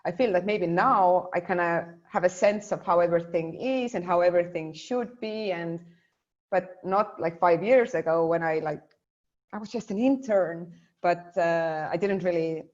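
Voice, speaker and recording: A woman's voice: on the low side, normal speed, muffled recording. A young woman from Estonia talking casually in an interview, full of fillers and restarts. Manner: chatty, many fillers and restarts.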